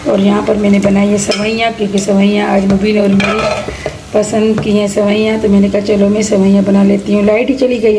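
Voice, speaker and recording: A middle-aged mother chatting casually through a home cooking vlog, rambling and teasing, filmed on a phone in her kitchen. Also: medium pitch. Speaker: vlogger and mother. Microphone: phone camera. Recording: echoey room with background noise.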